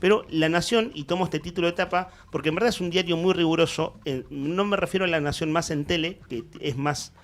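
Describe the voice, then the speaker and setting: Argentine guy on morning radio, talks news, kinda higher voice, lots of restarts n fillers. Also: a little fast, few pauses. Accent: Argentine Spanish. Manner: rambling, with many restarts and fillers. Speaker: radio host. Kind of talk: casual news commentary. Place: radio studio.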